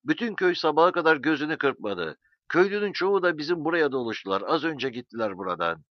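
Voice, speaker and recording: A tearful village wife with a frightened, pleading high voice, as a male narrator puts her on. Her lines are lively and rise and fall a lot, on a dull, dry recording. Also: quick pace, no echo. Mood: anxious. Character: grieving frightened village wife, middle-aged. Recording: dull lo-fi sound.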